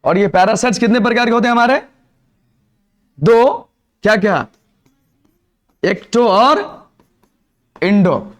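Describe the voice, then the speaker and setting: A man's voice: high voice, lively intonation, takes it slowly, long pauses. A man teaching a biology class, lecturing in a mix of Hindi and English and quizzing students with repeated questions.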